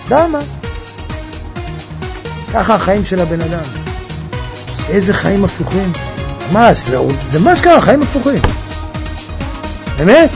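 A man giving a lively religious sermon, firing off mocking rhetorical questions. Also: high-pitched, gravelly, pauses often, lo-fi sound, over music. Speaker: preacher.

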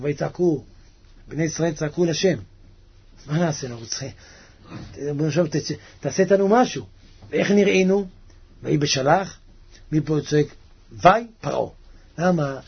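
A man giving a Torah sermon, animated and dramatic, leaping into high cries as he acts out the story. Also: husky, dull audio. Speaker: rabbi.

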